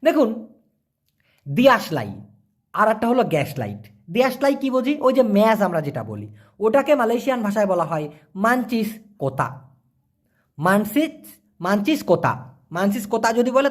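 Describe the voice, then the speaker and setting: A man with a voice that sits high answers viewer questions in a casual spoken lesson, slowly repeating words for learners.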